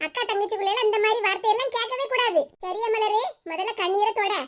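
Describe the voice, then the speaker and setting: A woman voicing a young village woman in an animated cartoon, speaking with a Kanyakumari Tamil accent in a very high, sped-up cartoon voice. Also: quick pace, a little hiss or hum. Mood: pleading. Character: young village woman, tearful and affectionate sister.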